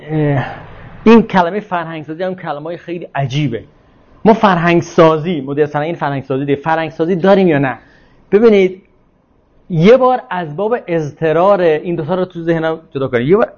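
A man's voice: on the high side, darkish tone, muffled recording. A man leading an informal religious lecture and discussion, talking in a discursive way, repeating his points and asking rhetorical questions.

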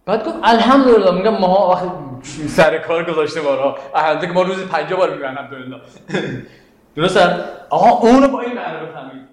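A man's voice: high voice, expressive. A man teaching a Quranic exegesis class, explaining step by step, quoting Arabic verses and questioning his students. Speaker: religious teacher. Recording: very echoey classroom.

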